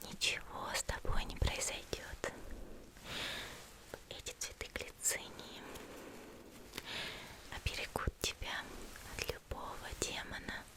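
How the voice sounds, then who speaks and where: A woman whispers throughout, softly and unvoiced, playing a caring young demon-slayer healer who tends a patient in an ASMR roleplay. She addresses the listener directly in a gentle, soothing, reassuring way, speaking slowly with long pauses.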